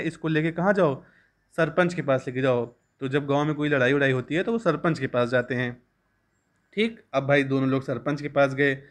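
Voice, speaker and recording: Man teaching. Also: fairly high pitch. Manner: reads English lines slowly, then explains at length with frequent "ठीक". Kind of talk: school lesson explaining an English story in Hindi.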